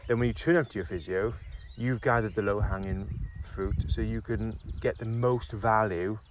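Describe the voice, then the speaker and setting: A male physiotherapist co-hosting a podcast, chatting casually and explaining in halting restarts while walking outdoors. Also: on the low side, fairly even intonation, noisy background. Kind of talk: casual chat on a walk. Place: outdoors in woods on a walk. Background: faint birdsong and nature ambience.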